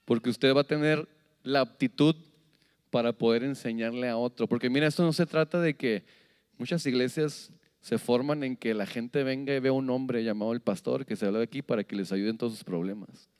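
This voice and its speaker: A man preaching a sermon as pastor, animated, asking the congregation questions and acting out little scenes. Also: mid-range voice, a little fast, smooth. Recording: long hall reverb.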